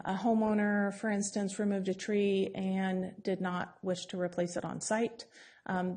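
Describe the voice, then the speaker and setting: A woman on city staff giving a formal presentation to a council, explaining in a measured way with frequent ums. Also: mid-range voice, mellow.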